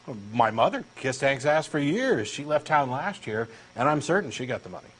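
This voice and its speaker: A co-host with a Texan accent does a comic dramatic reading, playing an eager, insistent true believer who is earnest and pushy. His voice is mid-range and sing-song, at a normal speed.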